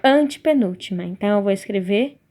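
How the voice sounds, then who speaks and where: A Brazilian woman teacher giving a recorded lesson, patient, drawing out key words slowly. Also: mid-range voice, lively intonation, warm tone. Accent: Brazilian Portuguese.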